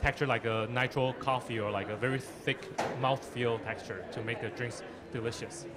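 Founder pitching over loud crowd. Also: male voice, fairly even intonation, moderate pace. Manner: explanatory pitch, non-native grammar. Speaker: startup founder. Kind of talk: product demo interview. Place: busy conference hall, indoors. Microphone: handheld mic. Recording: loud crowd chatter behind.

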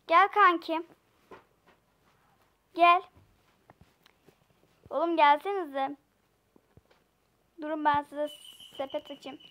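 Slow-talking high-voiced young woman gamer. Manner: playful, giggly, chatty with viewers. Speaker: gaming channel host. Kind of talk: casual gameplay commentary.

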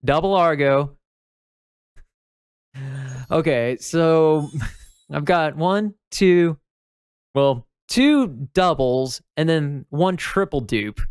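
A woman's voice: low voice, lively intonation, extremely slow, pauses often, darkish tone, clean tone, dry recording. A woman giving casual, emotional commentary as she opens game pulls. She talks to her viewers, pleads with the game and swears freely. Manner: emotional and talkative, begs the game and addresses viewers. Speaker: mobile game player opening pulls. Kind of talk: casual live gaming commentary.

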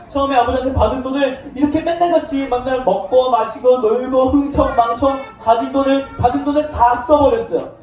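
Animated woman teaching a children's Bible lesson. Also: on the high side. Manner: animated, asks children questions, acts out lines playfully. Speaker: children's Sunday school teacher. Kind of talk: children's sermon. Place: church classroom. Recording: distant mic in an echoey room.

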